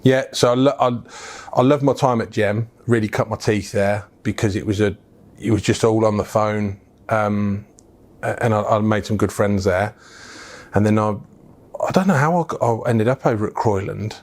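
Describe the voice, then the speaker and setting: In a relaxed, open interview, a middle-aged guest from England who founded a business talks through his life. His pitch is fairly low, his tone darkish, and his pace normal. Fillers and false starts crop up throughout.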